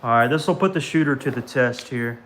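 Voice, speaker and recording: A man's voice: medium pitch, a little fast, noisy background. A man with a Southern American accent, hosting a casual live stream and talking to viewers by name while he works. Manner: chatty, talks to viewers by name while working. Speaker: livestream host. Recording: clicks and knocking of stone work.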